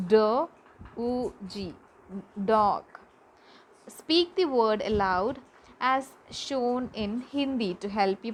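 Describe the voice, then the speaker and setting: A woman teaching a class, slowly repeating words for pronunciation practice. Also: medium pitch, low-quality recording. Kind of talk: classroom lesson. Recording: faint background noise.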